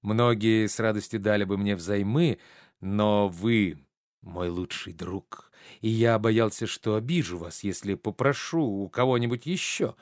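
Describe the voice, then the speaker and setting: Man playing a smooth scheming nobleman. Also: lowish voice, unhurried, no room sound, clean studio sound, close to an everyday voice. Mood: ingratiating. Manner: polished, courteous, ingratiating.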